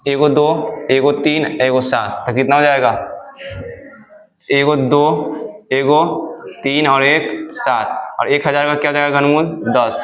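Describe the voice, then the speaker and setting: A man's voice: medium pitch, fairly even intonation, slow, fairly bright tone. A male maths teacher, giving a classroom lesson and asking questions he answers himself. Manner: asks questions and answers them himself, repetitive drilling. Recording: echoey room.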